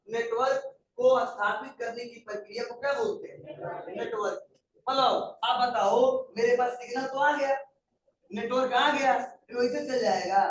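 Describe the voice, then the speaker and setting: A man's voice: very high-pitched, distant mic, slight background noise. A man teaching a computer class in a conversational lecture style, often asking the students questions. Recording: echoey room, voice from afar.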